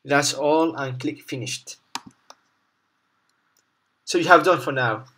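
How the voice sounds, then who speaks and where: Halting man giving step-by-step software instructions. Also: a little high, a little hiss or hum. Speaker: tutorial presenter. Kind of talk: unscripted screen-recording tutorial, step-by-step instruction.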